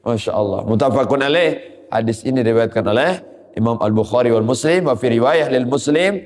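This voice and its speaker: A man's voice: mid-range voice, a little mellow, big-room sound. A man giving an Islamic sermon, moving between quoted Arabic and explanation with rising emphasis. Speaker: preacher.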